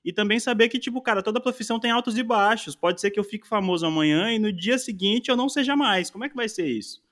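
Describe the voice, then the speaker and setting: A man's voice: high voice, fast, fairly bright tone. A man in casual conversation, talking reflectively and rambling with lots of slang fillers. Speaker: musician and podcast guest.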